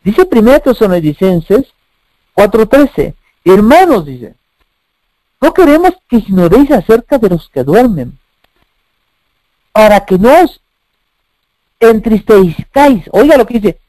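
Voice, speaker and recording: A man delivers a sermon in a very high, animated voice that swoops up and down. He preaches emphatically, repeating phrases and asking rhetorical questions. The recording is dry and close. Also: measured pace, long pauses, dry recording, low-quality recording.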